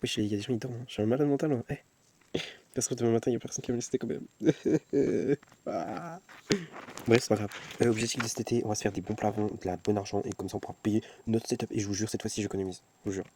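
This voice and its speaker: A young man films a casual vlog on his phone at home at night, rambling, mocking himself, and often restarting and repeating words. His voice is fairly low and flat, very fast, a little mellow, with a faint hiss or hum behind it.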